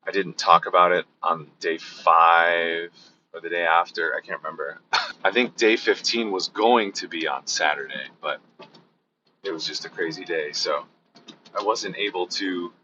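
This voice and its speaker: A man with a hoarse, sick-sounding voice rambles through a casual daily vlog update, full of fillers and restarts. His voice sits very low but sounds bright and forceful. The recording is a bit dull, with faint ambience behind him. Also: a little hiss or hum. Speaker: vlogger.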